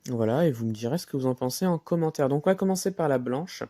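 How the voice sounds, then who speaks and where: Man, casual vlog, hesitant, many fillers, mellow voice, dry close recording. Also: mid-range voice, lively intonation, fast, dry recording. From France. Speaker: model car collector.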